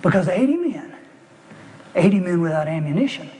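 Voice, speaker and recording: A man telling a historical battle story to an audience, acting out the quoted lines and shouting the commands. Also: high voice, sing-song, normal speed, in a large hall, rough recording. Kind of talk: dramatic storytelling lecture.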